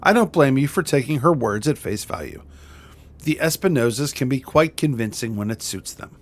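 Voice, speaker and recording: A man's voice: mid-range voice, expressive, moderate pace, close to an everyday voice. A man voicing an aggrieved noble lord in a video game, solemn and courteous, with formal, courtly phrasing. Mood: bitter.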